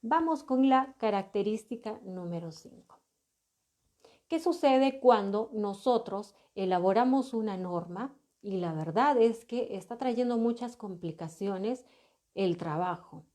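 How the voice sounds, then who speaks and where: A woman giving a calm, explanatory lesson to parents, often pausing with rhetorical questions. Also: medium pitch. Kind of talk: educational talk to parents.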